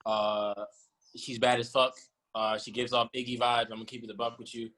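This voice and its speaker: A young man in casual slangy chat, halting and repeating himself, often tacking on you know. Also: medium pitch, flat delivery, fairly bright tone.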